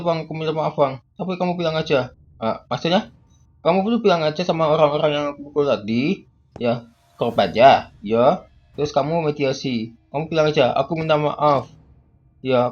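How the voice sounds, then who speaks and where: Man voicing a whole game skit. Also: on the high side. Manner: quick back-and-forth, jumps between characters, bursts of excited shouting. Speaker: content creator voicing all characters. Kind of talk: Minecraft role-play skit dialogue. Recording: dull lo-fi audio with faint background music.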